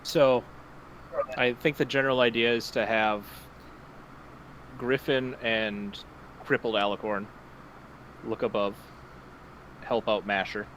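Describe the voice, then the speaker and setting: A man's voice: on the low side, steady tone, takes it slowly, pauses often, fairly bright tone, slight background noise, low-quality recording. A man playing a tabletop game, talking through plans in a methodical way. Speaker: player.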